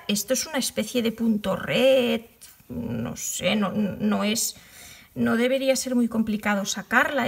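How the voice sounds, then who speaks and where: A high-pitched woman talks her way through a crochet project in relaxed, rambling chat. Her voice has a slightly husky, breathy edge. She jokes about her own mistakes and often mutters or whispers to herself while her hands are busy. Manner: chatty, self-mocking, trails off into whispers while working. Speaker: crochet tutorial host. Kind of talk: casual tutorial chat.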